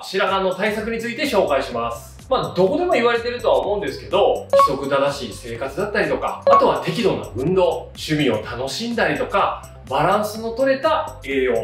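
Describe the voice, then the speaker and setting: Man in his thirties, hairdresser explainer, high animated voice, roomy sound from a distance. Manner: explanatory, frequent fillers, rising lively delivery. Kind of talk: explainer video to camera. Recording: roomy, slightly distant with soft music.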